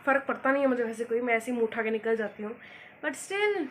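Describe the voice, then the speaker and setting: A woman's voice: a little high, expressive, fast talker, a little hiss or hum. A teenage girl chatting casually in a student vlog, self-mocking and switching between Hindi and English as she walks outside and later talks at home. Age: teens. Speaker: student vlogger. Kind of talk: casual Hinglish vlog chat. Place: outdoors on a morning walk, later at home.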